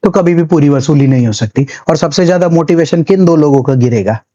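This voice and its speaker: In a chatty classroom lecture, a civil services exam history teacher tells little stories, acts out small scenes and slips English terms into his talk. His voice is a little high and mellow, a bit fast, and the audio sounds dull.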